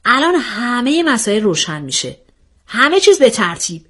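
A woman's voice: a little high, big pitch swings, a bit bright, pitched above the performer's own voice. A woman voicing a bossy young woman who questions her friends in a mock-formal tone in a read-aloud story. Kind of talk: storybook voice acting.

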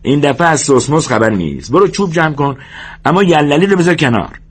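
A man voicing a sharp-tongued exasperated ranch hand. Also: fairly high pitch, big pitch swings, slightly rough, voice pushed up. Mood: scolding. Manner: scolding, raised voice, emphatic. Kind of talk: audiobook character voice.

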